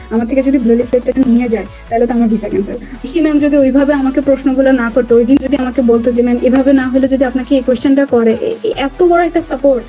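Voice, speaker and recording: A young woman from Bangladesh, a student applicant, chatting excitedly on a video call and slipping English phrases into her talk. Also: high-pitched. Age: young adult. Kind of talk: casual online interview.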